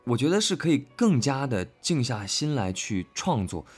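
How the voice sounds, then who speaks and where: In a casual, unscripted interview, a voice actor reads each question and then answers it, thinking aloud and frequently repeating himself. His mid-range voice swings widely in pitch at a normal speed, with a breathy edge, and faint music plays behind him.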